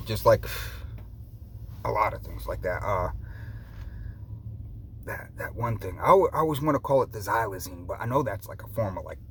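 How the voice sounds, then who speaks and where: A man's voice: lowish voice, expressive, moderate pace, pauses often. A man chatting casually to viewers in a loose, rambling way, often repeating himself. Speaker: vlogger. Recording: noticeable background noise.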